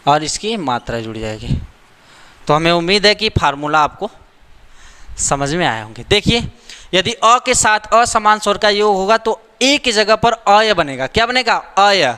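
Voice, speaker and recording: A man's voice: high voice, sing-song, normal speed, pushed and bright, smooth, long reverb tail. A man teaching a grammar lesson, repeating the rules and asking rhetorical questions to check that students follow. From India.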